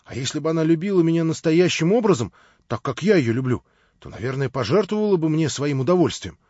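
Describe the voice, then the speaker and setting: A man's voice: fairly high pitch, very animated, fast talker, darkish tone, dry recording. A man voicing a naive young man who talks in a plaintive, rambling way, read from an audiobook. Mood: self-justifying. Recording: dry, slightly dull lo-fi audio.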